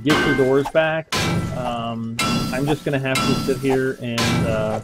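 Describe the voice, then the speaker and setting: A man's voice: mid-range voice, steady tone, a little slow, over loud music. A man giving casual, rambling commentary over his gameplay, chuckling often between thoughts. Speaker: gaming YouTuber.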